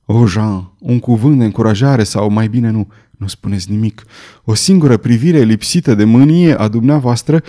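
Storybook lover: a desperate young nobleman pleading feverishly, read by a man, with a mellow voice. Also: on the low side, lightly acted. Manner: impassioned pleading.

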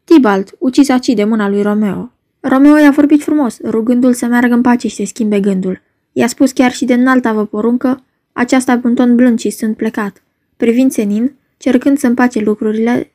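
A woman's voice: on the high side, a little mellow, close to an everyday voice. A woman reading as Benvolio, urgent young man. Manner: urgent, pleading delivery. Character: young male friend, urgent peacemaker. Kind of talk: dramatic reading of a play.

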